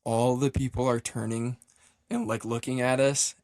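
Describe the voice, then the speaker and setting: A man's voice: medium pitch, moderate pace, dry recording. Laughing man telling a story, dry sound. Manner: animated, swears freely, laughs often, acts out quoted lines. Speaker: running team member telling a story. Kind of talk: casual podcast storytelling.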